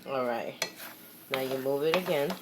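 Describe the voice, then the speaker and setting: A woman's voice: rumbling low, moderate pace. A woman giving a casual, chatty cooking demonstration at the stove, encouraging and often repeating short phrases as she works. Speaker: home cook hosting a cooking video. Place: home kitchen at the stove. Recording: noisy kitchen with sizzling and pan clatter. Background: sizzling, stirring, clinking pans.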